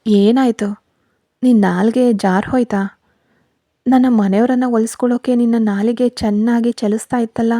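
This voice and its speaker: A woman's voice: fairly high pitch, steady tone, normal speed, dark tone, dry recording, clean studio sound. A woman reading the lines of an angry, cruel young husband in a storybook tale, harsh and scolding.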